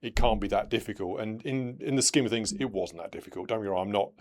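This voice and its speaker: A middle-aged man, hosting a casual podcast chat in a thoughtful, measured way that trails off softly at the ends of phrases. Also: lowish voice. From United Kingdom. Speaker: podcast host.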